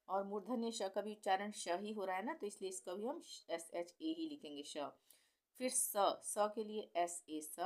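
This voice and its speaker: Woman teacher, slow patient lesson, repeats every sound, mid-pitched voice. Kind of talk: Hindi alphabet lesson at a board.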